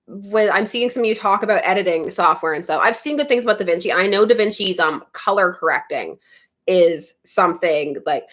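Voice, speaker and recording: A Canadian woman with a medium-pitched voice hosts a relaxed YouTube livestream from her home studio, reading viewer comments. She is giggly and chatty, laughs often, and drifts easily from one topic to another.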